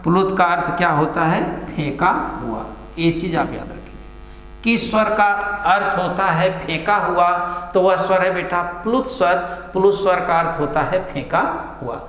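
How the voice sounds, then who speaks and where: A man's voice: high voice, moderate pace, fairly bright tone. A man teaches a classroom grammar lesson, calling his students "beta" and answering his own questions. He stretches vowels long to show them. The room is echoey, with a long reverb tail and a mains hum behind him.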